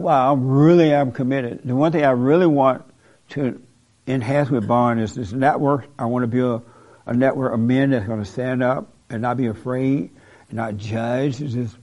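Dull lo-fi audio carries the mid-range, darkish voice of a man hosting a call-in talk show. He preaches emphatically, repeating important lines, with an odd joke and a laugh here and there.

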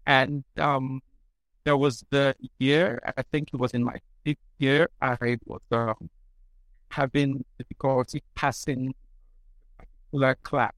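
A man, a podcast guest who speaks in a halting, thoughtful way with many restarts. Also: mid-range voice, little pitch movement, fairly bright tone, no room sound, poor audio. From Nigeria. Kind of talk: casual interview.

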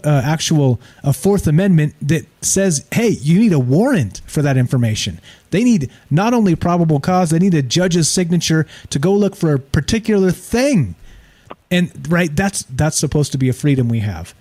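A man's voice: on the high side, warm tone. A man hosting a talk show, giving his opinions in a casual, emphatic way, repeating himself and checking in with rhetorical questions. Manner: informal, emphatic, repetitive phrasing with rhetorical questions. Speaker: talk show host taking calls and chat.

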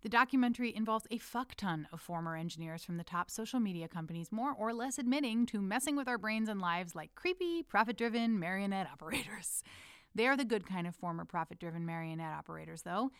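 A woman's voice: medium pitch, expressive, fast talker, fairly bright tone, clear, resonant tone, dry recording, clean studio sound. A woman from the United States reading her personal letter aloud, intimate and playful, calling the listener her love. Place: lives in Amsterdam.

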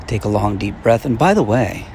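A man giving a guided motivational mindfulness talk, speaking deliberately with long pauses, recorded outdoors in a busy park. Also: fairly low pitch, animated, vocal fry, darkish tone, slight background noise. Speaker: self-help meditation coach. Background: park background sounds, passing vehicles.

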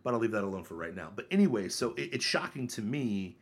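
A man in his thirties co-hosting a podcast, talking in a casual, mocking, animated way. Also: quick pace, slightly rough. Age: 30s. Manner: animated, mocking, mimics others in high voices. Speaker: podcast co-host. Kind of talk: casual opinion chat.

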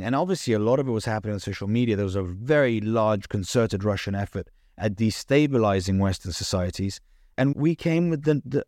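A man's voice: medium pitch, darkish tone, no echo, clean studio sound. A man, a podcast guest speaking earnestly and fluently, often restarting his words. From United Kingdom. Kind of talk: podcast interview.

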